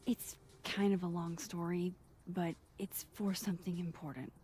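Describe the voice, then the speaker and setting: An actress playing a curious young woman who investigates, direct and probing, with a breathy voice. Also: on the low side, flat delivery, normal speed, warm tone, slight background noise, close to an everyday voice.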